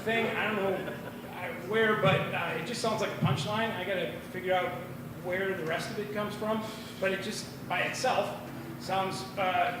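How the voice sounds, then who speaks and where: Picked up by a distant mic in a very echoey bar open mic room with clear noise, a Minnesotan man in his 40s or older performs an amateur stand-up set. His voice is high, and he delivers it haltingly, rambling through tangents.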